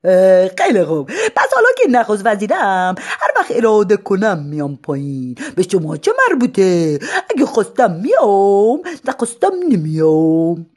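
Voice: mid-range voice, expressive, a little mellow, natural voice. A reader voicing a brash adult male madman who taunts the crowd and draws out his "eh" interjections. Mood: taunting.

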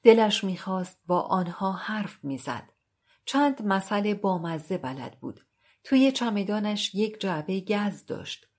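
A woman narrating a short story in an even, unhurried reading voice. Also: mid-range voice.

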